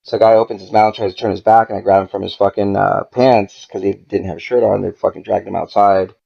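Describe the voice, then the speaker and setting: A man's voice: on the low side, fairly even intonation, quick pace, creaky. A man, a podcast guest, casually telling a story full of profanity and quoted back-and-forth dialogue. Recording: dull lo-fi podcast audio.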